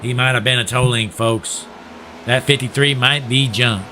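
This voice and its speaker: A man's voice: medium pitch, moderate pace, pushed and bright, slight background noise. A young man giving folksy play-by-play commentary on a sim race, joking and calling to "folks", while losing his voice.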